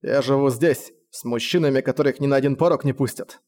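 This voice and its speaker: A sullen, bitter young man, as a male narrator reads him, curt and flat with hardly any expression. The storybook voice sits close to the reader's own. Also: medium pitch, fast talker, lightly acted.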